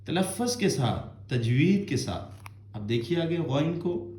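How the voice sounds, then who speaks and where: A man's voice: a little high, big pitch swings, darkish tone. Patient male Quran teacher, echoey room. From Azad Kashmir, Pakistan. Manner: patient, repetitive explaining, stretching out each letter sound in melodic recitation. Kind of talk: Quran reading lesson for children.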